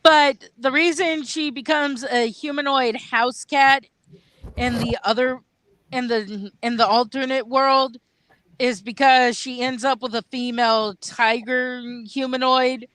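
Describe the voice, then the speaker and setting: A man's voice: extremely high pitch, fairly even intonation, measured pace, bright, forceful tone, clear, resonant tone, no room sound. A man in his thirties hosting a casual group chat livestream, rambling happily about music. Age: 30s. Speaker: livestream host.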